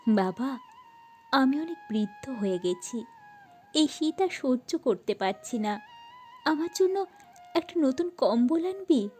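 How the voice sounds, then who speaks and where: A frail, meek old mother pleads softly in a thin, high voice, as a woman narrator puts her on. She speaks slowly and gently, and quiet music plays behind her in this storybook reading. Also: animated. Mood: pleading.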